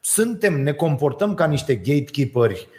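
A man's voice: on the high side, sing-song, a little mellow. A man hosting a casual chat, hesitant and full of fillers. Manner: hesitant, many fillers and affirmations. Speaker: host.

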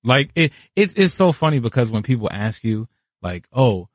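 A man in his thirties from New City, a guest artist telling his story, animated and acting out quoted voices. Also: medium pitch, moderate pace, no echo. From New York City. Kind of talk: casual interview storytelling. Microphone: podcast studio mic.

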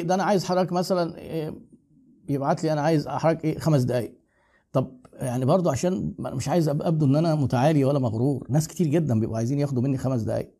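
A middle-aged man with an Egyptian Arabic accent hosts casually and gives viewers advice. His voice is medium-pitched, mellow and husky, and he talks fast and chattily, lecturing with plenty of asides.

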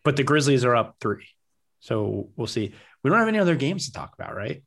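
A man of middle pitch co-hosts a sports podcast in loose, casual chat. He rambles, questions himself out loud and laughs often. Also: sing-song, brisk, vocal fry. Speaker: podcast co-host.

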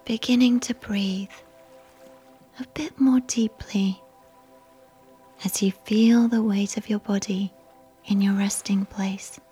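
Slow whispering woman with soft music. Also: medium pitch, fairly even intonation, slightly rough. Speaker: meditation guide. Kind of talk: whispered guided sleep meditation.

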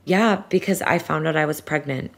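A woman's voice: sits low, normal speed, creaky. A woman interviewee recounting a personal story candidly, acting out her own past words.

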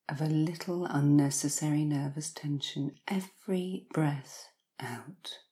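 Soft, breathy, and low-voiced, this woman leads a listener into hypnotic relaxation with a slow, calming countdown. Long pauses fill her delivery, which frequently sinks almost to a whisper.

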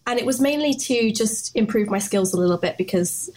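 A woman's voice: a little high, a little fast, slight background noise, poor audio. A young British woman, a designer and guest on a podcast, talking casually and hedging with fillers. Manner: relaxed, hedging with "sort of" and "um". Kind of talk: casual interview.

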